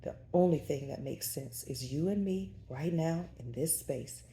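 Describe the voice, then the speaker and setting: A woman voicing a gruff, commanding man in an audiobook reading, speaking low and hushed. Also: unhurried, roomy sound, a little hiss or hum. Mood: murmuring.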